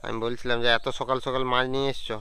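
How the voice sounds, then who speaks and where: Young man with a cold, bright voice. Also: medium pitch, little pitch movement, rapid-fire, no echo. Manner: chatty, with fillers and throat clearing. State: sick with a cold and sore throat. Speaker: vlogger. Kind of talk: casual home vlog. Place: at home and outdoors in the yard. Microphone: handheld camera on a stand.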